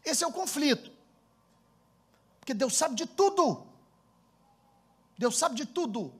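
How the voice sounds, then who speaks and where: A man preaching a sermon as pastor, telling stories with animated energy and calling on the congregation to answer. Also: very high voice, slow. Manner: storytelling, animated, laughs often, calls congregation to respond. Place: church hall before a congregation. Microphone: handheld microphone.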